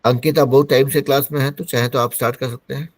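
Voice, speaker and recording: Over a video call, a man from Bihar, India, teaches an online English-speaking class, patiently explaining in a blend of Hindi and English. His voice is medium-pitched and steady, he talks fast, and there is no echo.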